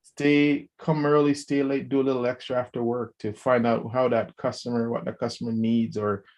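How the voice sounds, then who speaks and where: This man, co-hosting a podcast at a medium pitch and normal speed, talks in a loose, lively way. He restarts lines, doubles up on words and acts out what others said.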